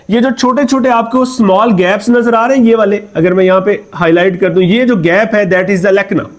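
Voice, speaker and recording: A man's voice: sits high, darkish tone. A man with a Pakistani Urdu accent teaching a biology lesson. He keeps asking the class questions, answers them himself, calls students "son" and repeats key terms in English. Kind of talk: classroom lecture.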